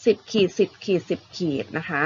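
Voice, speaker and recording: A woman's voice: fairly quick, a little mellow, dull audio, slight background noise. Patient woman teaching young pupils. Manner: patient, repetitive, ending phrases with polite particles. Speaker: primary school math teacher. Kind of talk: online lesson explaining to young pupils.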